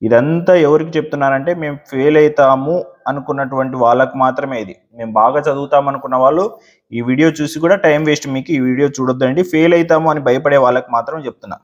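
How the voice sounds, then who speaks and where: A man teaching exam tips, often repeating words slowly to show where the stress falls. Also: medium pitch, steady tone, muffled recording.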